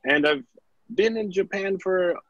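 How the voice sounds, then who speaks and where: A man's voice: high voice, unhurried, no echo. A man from the United States moderating a casual online panel discussion and steering the conversation. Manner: friendly, steering the talk. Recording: dry, dull online call audio.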